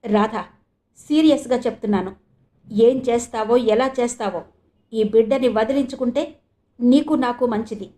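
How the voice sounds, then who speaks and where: A woman's voice: fairly high pitch, moderate pace, pauses often, warm tone, close to an everyday voice. A woman voicing a bitter, sarcastic young husband in an audio novel. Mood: cold. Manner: mocking, cold.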